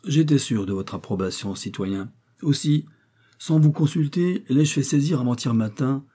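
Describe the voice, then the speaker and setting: Man voicing a vindictive revolutionary official, dry incisive delivery, pitched up, husky. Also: animated, normal speed, dark tone. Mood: smug. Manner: dry, incisive, self-righteous.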